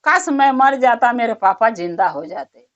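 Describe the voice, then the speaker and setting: A woman's voice: fairly high pitch, animated, normal speed, no room sound, close to an everyday voice. A woman voicing a young son who pleads tearfully. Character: young son, crying over his father. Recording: dull muffled recording.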